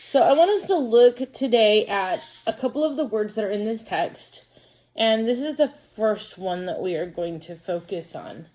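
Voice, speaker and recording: In a reading lesson for young children, a female teacher with a mellow, medium-pitched voice patiently breaks words into sounds and syllables, animated yet at a normal speed.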